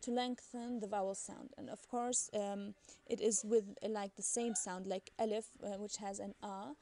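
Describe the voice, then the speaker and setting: A woman talks through a beginner's language lesson. Her voice is mellow and warm, and she explains patiently. She often pauses on fillers and restarts her sentences. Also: medium pitch, steady tone. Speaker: Arabic language teacher. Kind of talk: casual recorded lesson.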